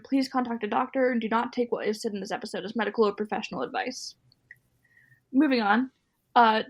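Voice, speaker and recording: A woman co-hosting a podcast, talking in an easy conversational way. Her voice sits a little high for a woman. She reads prepared points loosely, with ums and uhs along the way. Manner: conversational, reads scripted parts with fillers. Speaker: podcast co-host. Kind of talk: casual podcast chat.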